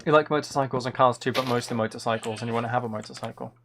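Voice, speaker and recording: Speaking rapid-fire with fairly even intonation, this livestream host has a mid-range male voice. His casual gaming chatter wanders, and he often questions himself, while keyboard clicks and background noise come through clearly.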